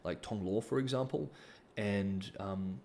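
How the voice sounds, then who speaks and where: With a fairly low, gravelly, slightly mellow voice, a New Zealander hosts a casual livestream Q&A and reads donor comments a little slowly. He hesitates often, with many ums and restarts, over slight background noise.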